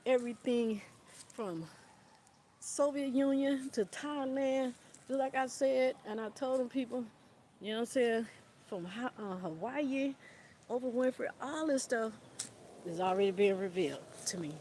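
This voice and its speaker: Speaking unhurriedly in a slightly high, warm voice, a woman chats casually on a livestream outside while a light wind blows. Her talk rambles, peppered with "you know what I'm saying" and the pet name "baby" for her listeners.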